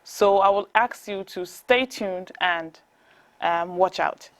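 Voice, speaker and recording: A woman hosting an interview, with a voice at an ordinary middle pitch. She welcomes her guest warmly in words and keeps her talking with frequent encouraging murmurs. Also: takes it slowly, slight background noise. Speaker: host.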